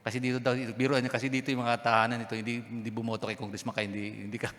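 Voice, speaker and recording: A middle-aged man from the Philippines preaches to his congregation, his pitch sitting mid-range. He tells a personal testimony with emotional, prayerful intensity, and his words carry a long reverb through the church sanctuary. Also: little pitch movement, racing, fairly bright tone. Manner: emotional storytelling, rising to crying out in prayer. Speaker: pastor.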